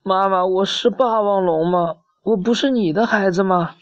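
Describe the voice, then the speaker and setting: A woman's voice: mid-range voice, expressive, unhurried, highs cut off, voice pushed up, lightly acted. A woman voicing a tearful little dinosaur boy. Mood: pleading. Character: young male dinosaur, tearful and confused.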